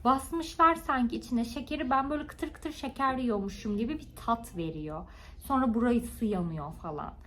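A woman's voice: on the high side, moderate pace, fairly bright tone. A woman talking casually in a home vlog, chatty and rambling with informal asides. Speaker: vlogger. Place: at home, indoors.

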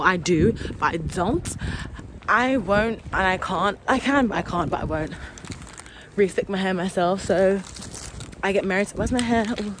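Young woman, casual vlog chatter, rambling and self-correcting, faint background noise. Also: mid-range voice. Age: young adult. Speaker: vlogger. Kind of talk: casual vlog chat to camera. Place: at home.

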